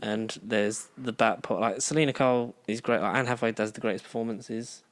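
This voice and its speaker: Rambling casually with lots of filler words, a podcast co-host chats in a lowish, steady voice. His delivery is brisk.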